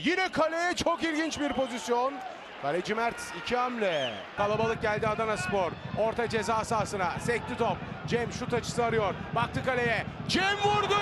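A man giving live football commentary in excitable, urgent short phrases. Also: sits high. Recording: loud stadium crowd noise behind voice. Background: roaring stadium crowd.

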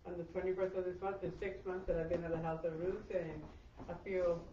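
A woman from Florida sharing her story in a church group, quick and grateful. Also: fairly low pitch, flat delivery, background noise. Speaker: group member. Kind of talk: personal sharing. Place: meeting room. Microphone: far camera. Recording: echoey room, distant and dull.

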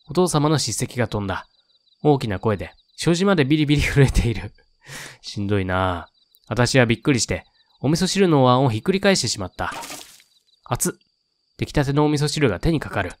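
A man reading a horror game's story aloud in a calm voice, dropping in laid-back side comments. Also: mid-range voice. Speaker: game reader and streamer.

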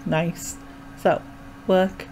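A woman's voice: on the low side, little pitch movement, extremely slow, mellow, slight background noise, poor audio. A young woman with a Sunderland Mackem accent, chatting casually and hesitantly as she explains things in a rambling way. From North East England. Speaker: vlogger. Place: small bedroom indoors. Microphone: desk microphone with pop filter, close.

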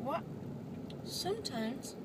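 A sedated young woman, groggy and loopy after anesthesia, rambling casually in an uninhibited, childlike, excitable way in a car. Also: sits high, slow. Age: young adult. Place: back seat of a car. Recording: noisy car interior.

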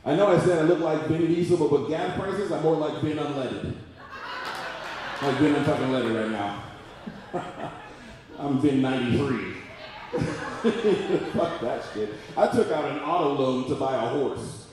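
A rowdy male stand-up comic works the crowd with a profane set, his voice pitched a little high. It comes from a very echoey room, picked up from some distance, with clear room noise behind him. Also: a little slow, pauses often. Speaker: stand-up comedian. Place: comedy club stage before a live audience. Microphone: handheld stage mic.

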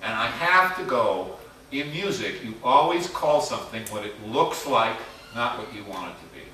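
A man's voice: mid-range voice, sing-song, normal speed, bright, forceful tone, slight background noise. Echoey far-off man teaching music theory. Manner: chatty, quizzes the class with "right?" asides. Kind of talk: casual classroom teaching. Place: classroom workshop with students. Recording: very echoey room, mic far off.

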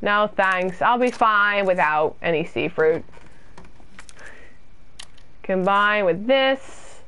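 Her voice sits in the mid range, lively in intonation, a bit bright and clean in tone, and she takes her time. A young UK woman, she streams a horror game from a small indoor room, casually reading viewers' comments aloud and answering them with chatty self-deprecation.

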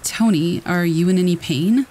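A man's voice: sits high, moderate pace, darkish tone, slight background noise, voice pushed up, natural voice. A man voicing an anxious doctor who asks a dying patient wary, urgent questions.

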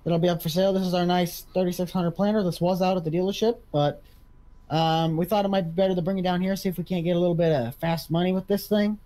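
A man's voice: high voice, fairly even intonation, quick pace, dark tone, lightly acted. A man playing a farm equipment auctioneer in a casual video game role-play, calling for bids and repeating prices. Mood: matter-of-fact pitch.

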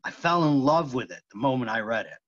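This man reads the part of an intense, earnest film actor who demands the truth, performing from home on a video call with dull, muffled sound. He speaks at medium pitch, expressively and fairly quickly, in a fairly bright tone.

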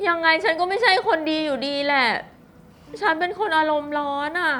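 A woman's voice: sits high, normal speed, sharp tone, slight background noise. A blunt, jilted young woman. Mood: downcast. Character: hot-tempered young woman, jilted, helping her mother. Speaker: struggling shop owner's daughter. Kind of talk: short film drama. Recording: music score under dialogue.

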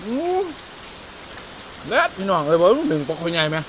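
A man with an Isan accent, vlogging a meal outdoors in the rain, loud and excitable and exclaiming often. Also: on the high side, a little fast, noisy background. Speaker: food vlogger. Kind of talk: casual outdoor cooking vlog.

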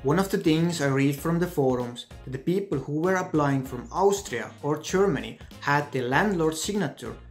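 A man's voice: fairly high pitch, expressive, moderate pace, hardly any pauses. Young man with an Estonian accent. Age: young adult. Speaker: video blogger giving advice. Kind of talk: scripted explainer to camera. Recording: music under the voice. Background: background music.

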